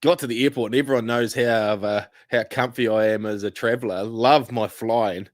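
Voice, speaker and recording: A man's voice: medium pitch, steady tone, a little fast, dry recording. Laid-back New man, dry sound. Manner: laid-back, swears casually, laughs often. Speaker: podcast co-host. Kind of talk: casual chat.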